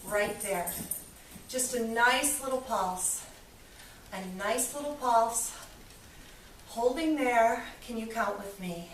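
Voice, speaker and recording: A woman's voice: on the high side, a bit bright, slight background noise. A woman fitness instructor leading a workout, upbeat and encouraging as she counts reps, a little out of breath. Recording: echoey room, voice from a distance.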